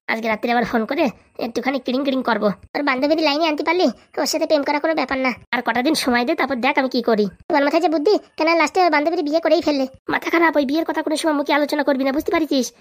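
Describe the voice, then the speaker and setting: A woman performing a comic sketch, trading rapid, bickering banter. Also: high-pitched.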